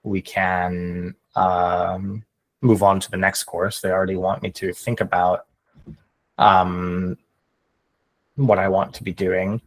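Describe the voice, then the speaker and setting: Low-pitched man thinking aloud. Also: level tone, takes it slowly. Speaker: Go teacher. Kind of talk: casual chat and explanation.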